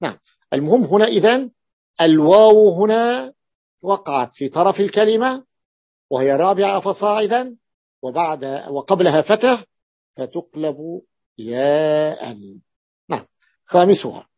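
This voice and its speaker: A man's voice: high-pitched, animated, unhurried, long pauses, no echo. Man teaching grammar, repeating each example. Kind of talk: classroom lecture. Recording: dull lo-fi recording.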